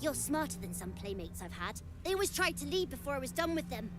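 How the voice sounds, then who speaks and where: Creepy doll-like little child, very high. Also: female voice, big pitch swings, quick pace, over music. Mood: sulky, menacing. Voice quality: childlike, eerie little-girl voice. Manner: creepy doll, sing-song playful menace. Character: creepy possessed child playing hide and seek, doll-like, taunting. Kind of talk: video game character acting.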